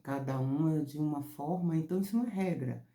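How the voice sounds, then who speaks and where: A woman therapist from Brazil, explaining character traits in a casual teaching talk, expressive, getting higher and louder when excited. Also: a little fast. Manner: expressive, rises high and loud when excited. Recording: roomy echo.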